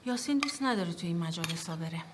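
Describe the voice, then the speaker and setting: An actress playing a mild, hesitant mother who speaks softly at the dinner table, in a film drama with music underneath. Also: fairly low pitch, lively intonation, close to an everyday voice. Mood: cautious. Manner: soft-spoken, hesitant, yielding.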